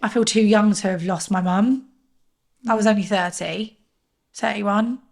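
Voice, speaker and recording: Woman in her 30s, emotional and halting, guest on a chat podcast. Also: mid-range voice, steady tone, creaky, a little mellow. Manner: earnest, emotional, halting with restarts. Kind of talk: personal storytelling in conversation.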